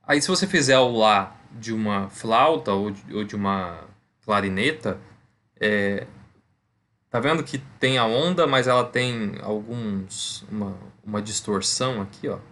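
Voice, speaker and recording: A man's voice: lowish voice, a little slow, fairly bright tone. Man teaching a physics lesson. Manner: conversational, checks in with "tá?" and "né?"; explains step by step, repeats key points. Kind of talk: recorded online lesson over slides.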